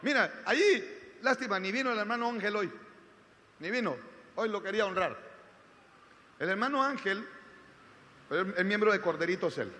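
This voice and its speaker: High, bright-voiced preaching pastor. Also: male voice, lively intonation, moderate pace, long pauses, long reverb tail. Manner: preaching with rising, shouted emphasis and storytelling. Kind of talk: sermon. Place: church.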